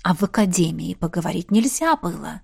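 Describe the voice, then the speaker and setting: A woman voicing a jealous, hot-tempered young male shapeshifter in an audiobook, gruff and needling. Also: on the high side, expressive, normal speed, close to an everyday voice. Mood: mocking. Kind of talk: audiobook character reading.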